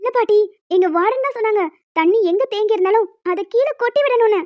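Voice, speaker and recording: A woman's voice: very high-pitched, fast talker, no room sound, lo-fi sound. A woman doing chatty, cheeky cartoon schoolgirls. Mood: explaining. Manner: chatty, teasing. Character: cheeky schoolgirls in a hostel group.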